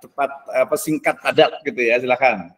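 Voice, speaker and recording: A man hosting a podcast, talking in a relaxed, casual way with many hesitations. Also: medium pitch, brisk. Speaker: podcast host.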